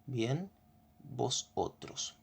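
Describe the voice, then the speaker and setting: A patient teacher with an Argentine accent works through a grammar lesson. The speaker keeps stopping to check that the class is following with quick questions, at a middle pitch. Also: very animated, creaky, husky.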